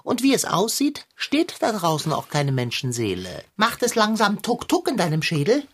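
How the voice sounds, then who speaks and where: A woman's voice: mid-range voice, huge pitch swings, moderate pace, husky. A woman voicing a pompous, gloomy talking male cat in an audio drama. He talks in a lofty, eloquent and condescending way. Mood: mocking.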